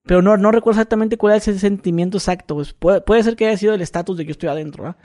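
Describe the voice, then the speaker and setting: This man's voice is high-pitched and darkish, and he talks very fast. He's a podcast co-host in his thirties with a Mexican Spanish accent, spinning a rambling story on a casual show, repeating himself and performing the voices he quotes.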